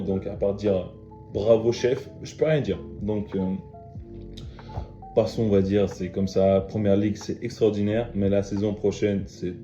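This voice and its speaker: A man's voice: low-pitched, warm tone. A young man casually talking through football matches and transfers as a video host, chatty and emphatic, with lots of fillers and restarts. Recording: dull lo-fi sound in an echoey room with faint music.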